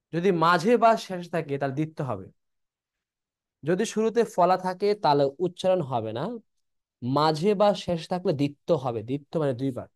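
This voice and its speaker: A man, teaching an admission-prep lesson who repeats each rule and keeps asking if everyone is clear. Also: a little high. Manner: repeats rules, checks if students are clear.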